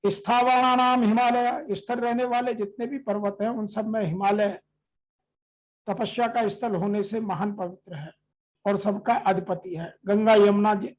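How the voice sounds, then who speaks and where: A scripture teacher, reading verses slowly and then explaining them in a steady, measured commentary. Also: medium pitch, low-quality recording.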